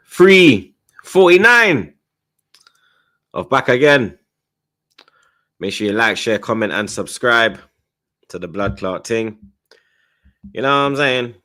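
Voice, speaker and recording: A man hosts a football fan livestream in a London accent. He takes his time, delivering short punchy phrases full of slang and swearing. His pitch sits in the middle for a man. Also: pushed and bright. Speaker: host of football fan show.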